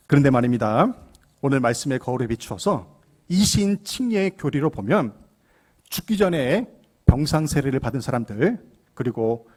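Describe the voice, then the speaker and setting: A man's voice: a little high, a little mellow, husky. A middle-aged man preaching a sermon as pastor, earnest, asking the congregation rhetorical questions. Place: church sanctuary.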